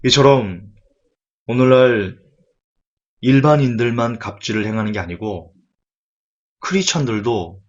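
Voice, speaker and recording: Male preacher, mid pitch, emphatic sermon delivery, lo-fi sound. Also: expressive, a little slow, pauses often. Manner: emphatic, rhetorical questions.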